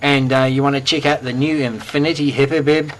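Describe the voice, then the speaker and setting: Kiwi guy doing a chatty news roundup, mid-pitch voice, faint hiss behind. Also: fairly even intonation, a little fast. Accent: New Zealand. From New Zealand. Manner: upbeat, chatty, with fillers. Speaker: host of a community news bulletin. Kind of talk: casual news announcements.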